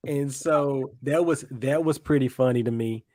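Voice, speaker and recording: A man from the American South with a Southern accent, co-hosting a podcast and recapping scenes in a relaxed, casual way. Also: medium pitch, moderate pace, no room sound. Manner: laid-back storytelling, recaps scenes with quoted lines. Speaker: podcast co-host. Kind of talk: casual chat.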